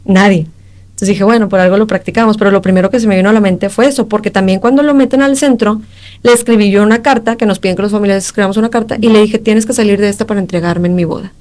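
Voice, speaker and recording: A young woman with a Mexican accent, a podcast guest giving an emotional personal testimony in halting speech, acting out the exchanges she recalls. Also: medium pitch, steady tone, darkish tone. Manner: emotional, halting retelling that acts out quoted exchanges.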